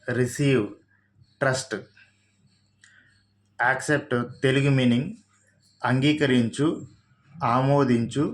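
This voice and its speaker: A man with a Telugu accent teaching English vocabulary, reading out each word, spelling it letter by letter and giving its meanings. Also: medium pitch. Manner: spells words out letter by letter, slowly. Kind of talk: slow vocabulary lesson.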